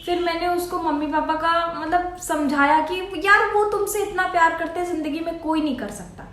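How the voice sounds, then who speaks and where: High-voiced young Indian woman giving advice. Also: fairly even intonation, fairly quick, a bit bright. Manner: earnest, coaxing, scolding like an older sister. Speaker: student vlogger. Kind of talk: casual advice talk to camera. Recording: echoey room.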